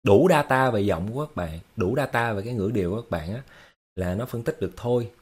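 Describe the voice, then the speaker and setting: A man's voice: fairly low pitch, expressive, fast, slightly rough. A man hosting a casual livestream, talking to his viewers in an explanatory way, with lots of fillers and repeated words. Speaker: livestream host.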